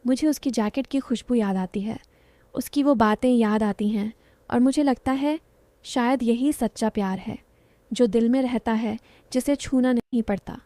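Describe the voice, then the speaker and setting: A young woman narrating an emotional first-person story in a soft, heartfelt, confiding way. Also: fairly high pitch, normal speed, dry recording.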